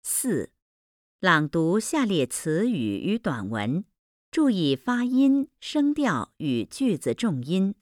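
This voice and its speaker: Slow, careful woman reading drill words. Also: on the low side, big pitch swings, dry recording, clean studio sound. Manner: slow, careful, deliberate enunciation. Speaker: Mandarin pronunciation teacher. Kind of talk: reading drill word lists aloud.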